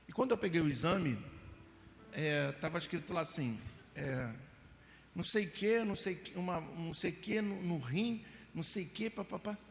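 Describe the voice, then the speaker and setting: Brazilian pastor guy preaching, high-ish gravelly voice, long church reverb. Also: moderate pace. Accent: Brazilian Portuguese. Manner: storytelling, acts out scenes with mock crying and voices, rising to shouts. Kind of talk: sermon. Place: church hall. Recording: live church hall with reverb.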